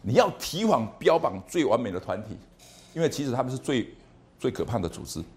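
A man lecturing to a university class in a lively, animated way, often repeating words and asking the class questions. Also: mid-range voice, fairly quick. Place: lecture hall.

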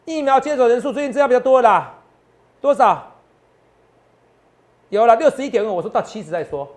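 A man's voice: very high voice, expressive, brisk. A man, working as a stock market analyst and giving boastful finance talk show commentary full of rhetorical questions.

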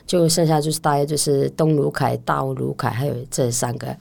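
A woman's voice: deep voice, steady tone, fairly quick, vocal fry, a little mellow. A woman with a Taiwanese Mandarin accent, a language teacher explaining things as a guest in a casual interview and often affirming with short interjections.

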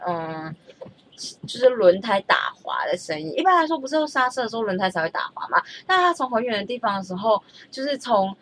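A young woman, telling a story in a chatty, animated way and stammering when she gets excited. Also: on the high side, brisk. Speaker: vlogger. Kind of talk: casual storytelling.

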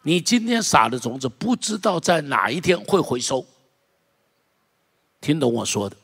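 Gravelly, husky man preaching. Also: fairly high pitch, normal speed. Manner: animated preaching, leads the congregation in repeating phrases. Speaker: pastor. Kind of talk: sermon.

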